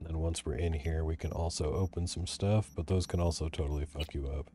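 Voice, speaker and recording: A man's voice: very deep voice, fairly even intonation, a little fast, noisy background. A man casually commenting on a game he is streaming, loose and chatty with some swearing. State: hiccups.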